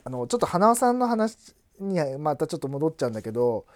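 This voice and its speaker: A man's voice: a little high, sing-song, fast talker, no echo, clean studio sound. A young man co-hosting a podcast, chatting casually and explaining things at length with many fillers and restarts. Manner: rambling explanations full of fillers. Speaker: podcast co-host. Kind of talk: casual chat.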